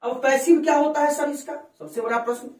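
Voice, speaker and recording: High-voiced woman teaching in an echoey classroom. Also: fairly even intonation, a little fast, darkish tone, recorded from a distance. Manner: questioning students, call-and-response drilling. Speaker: English teacher. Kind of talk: classroom lesson.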